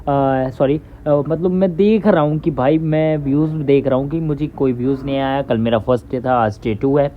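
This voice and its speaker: A man's voice: medium pitch, steady tone, normal speed, few pauses. A young man giving a casual, chatty online English lesson. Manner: chatty, loose, reassuring, calls listeners bhai. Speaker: English teacher. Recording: thin phone-like audio with faint hiss.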